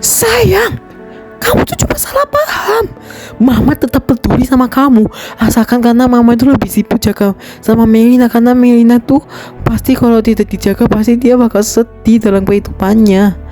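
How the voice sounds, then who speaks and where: A woman's voice: a little high, lively intonation, fairly quick, warm tone, soft background music, pitched above the performer's own voice, natural voice. A woman voicing a scheming mother in an amateur game drama, speaking in a coaxing, syrupy, defensive way. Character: scheming mother, sweet-talking her daughter.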